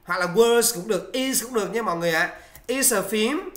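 A bright, forceful-voiced exam tutor talks learners through speaking-test answers in a casual, encouraging way, full of little filler sounds. The English model answers come slow and deliberate. The room is roomy and echoey. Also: medium pitch. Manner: chatty and encouraging, many "à" fillers, slows down for English examples.

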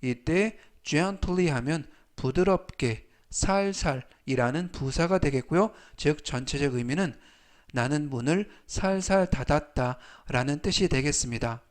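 A man teaching English vocabulary in a slow, polite, formal manner, repeating each word three times for learners. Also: fairly high pitch. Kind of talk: slow, repetitive vocabulary lesson.

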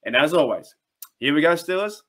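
A man's voice: fairly high pitch, animated, fairly quick, fairly bright tone. A young Australian man chats enthusiastically to his webcam about his team, often restarting his sentences and wandering into asides. He talks from a small room at home into a desk mic, in a loose, casual commentary style. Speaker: sports channel host. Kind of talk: casual fan commentary to camera.

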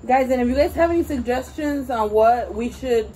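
Young woman, co-host, animated, speaks to viewers, higher voice, faint noise. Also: normal speed, rough recording. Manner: animated, addresses viewers directly. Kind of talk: casual mukbang chat.

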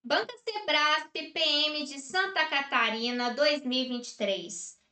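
A woman from Brazil teaching a recorded grammar lesson, explaining slowly and checking in with short tag questions. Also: high-pitched, sharp tone, echoey room.

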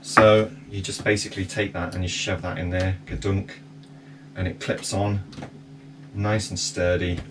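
Sailing vlogger, thirties, very low voice, plain step-by-step explainer, picked up by a distant camera with steady noise. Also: male voice, a little slow. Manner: relaxed, practical, explains step by step. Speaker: sailing vlog host. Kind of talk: casual explainer. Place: inside a sailboat cabin. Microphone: wide camera across a table.

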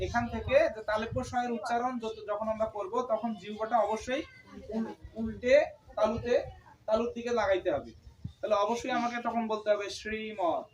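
A woman with a Bengali accent teaching pronunciation to a class, patiently repeating words slowly for students to copy. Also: a little high. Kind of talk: classroom lesson. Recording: distant mic in a room with a class audible.

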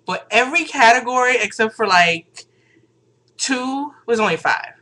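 A woman's voice: on the high side, lively intonation, moderate pace, bright, forceful tone. A woman vlogging casually, chatty and sassy, rambling and laughing often. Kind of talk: casual unscripted vlog.

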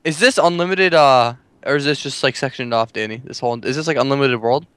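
A man's voice: medium pitch, fast, fairly bright tone, clear, resonant tone, no echo. A man playing along in a casual game session, who keeps asking how the game works and gets frustrated. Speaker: co-player. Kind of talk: casual gaming chat.

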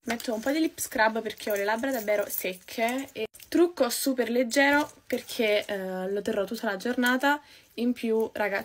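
A young woman from Naples, chatting quickly and casually to her viewers while doing her makeup. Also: mid-range voice. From Naples, Italy. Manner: fast-talking, chatty, addresses viewers as "raga". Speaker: beauty vlogger. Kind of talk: casual get-ready-with-me chat.

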